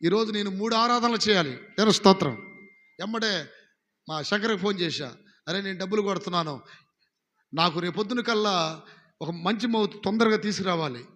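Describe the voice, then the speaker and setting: Telugu-accented male pastor, high voice, live sermon with long hall echo. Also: a little fast, long pauses, pushed and bright. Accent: Andhra Telugu. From India. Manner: exhorting, calls congregation to repeat phrases.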